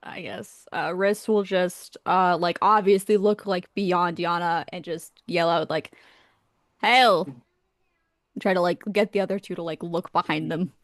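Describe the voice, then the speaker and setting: A woman's voice: fairly low pitch, steady tone, moderate pace, few pauses, dry recording, studio quality. A woman playing in an online tabletop game, chatting with lots of fillers. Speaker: player. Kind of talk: casual tabletop play.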